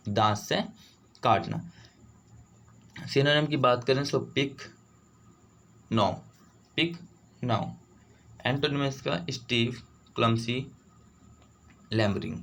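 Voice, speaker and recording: A man giving an online vocabulary lesson for exam prep. He switches between Hindi and English, reads the English words slowly, and keeps saying "theek hai" and "doston". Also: medium pitch, fairly bright tone, a little hiss or hum. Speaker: vocabulary teacher.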